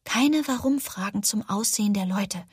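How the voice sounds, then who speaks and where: A woman's voice: medium pitch, moderate pace, slightly rough, no echo, clean studio sound. A woman reading the lines of an outspoken, indignant young woman in an audiobook, reproachful in tone.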